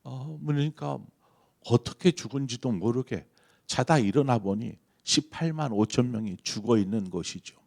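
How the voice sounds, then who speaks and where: A man's voice: mid-range voice, expressive, normal speed, creaky, a little mellow. A middle-aged man, a pastor, preaching an early-morning prayer sermon with earnest emphasis. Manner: earnest preaching, rising emphasis on key phrases.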